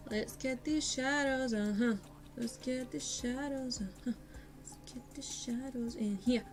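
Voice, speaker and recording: Painting on her live stream, this young Scottish art streamer talks to chat in a posh Glaswegian accent, full of self-mocking, rambling asides. Her voice runs on the high side and unhurried, over faint lo-fi music.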